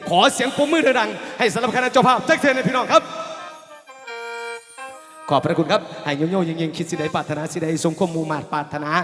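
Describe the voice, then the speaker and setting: Man, Isan accent, mor lam singer and emcee, high voice, long reverb, loud band music behind. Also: sing-song. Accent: Isan (northeastern Thai). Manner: drawn-out sung verses and formal announcing. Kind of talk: live mor lam singing and donor announcements. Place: night merit-making event on a stage.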